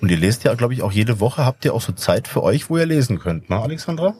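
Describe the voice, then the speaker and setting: A man's voice: mid-range voice, big pitch swings, fast talker, a little mellow, husky. A man hosting a reading show, reading a book passage aloud and chatting with young readers. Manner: chatty, asks children questions. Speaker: host. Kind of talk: friendly moderation and book reading.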